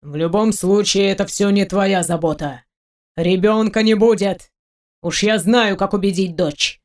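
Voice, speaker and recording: A woman's voice: mid-range voice, steady tone, measured pace, natural voice. A woman reading an audiobook, voicing a menacing middle-aged father who hisses and snarls his lines. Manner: hissing, snarling through teeth.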